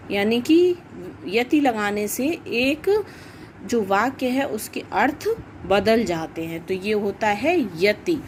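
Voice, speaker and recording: A woman teaching a grammar lesson to children, explaining slowly and repeating each definition. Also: on the high side, a little hiss or hum.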